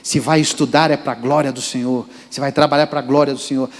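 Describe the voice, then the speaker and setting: A man's voice: mid-range voice, steady tone, a little fast. A Brazilian Portuguese-speaking man preaching a sermon as pastor, emphatic and speaking straight to the congregation. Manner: emphatic, addresses the congregation directly. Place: church sanctuary. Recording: church reverb.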